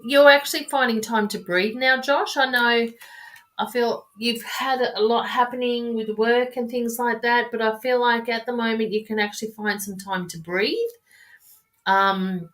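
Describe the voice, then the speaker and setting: Casual tarot readings on a live stream come from a woman whose voice is a little high and a bit bright, delivered at a measured pace. She rambles affectionately to her viewers, restarting sentences along the way, and a webcam or phone mic carries her sound.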